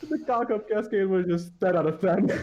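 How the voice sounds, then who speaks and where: A man's voice: high voice, normal speed, a little mellow. A man playing a tabletop game over voice chat, laughing and swearing. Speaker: player. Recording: dull lo-fi mic with faint hiss.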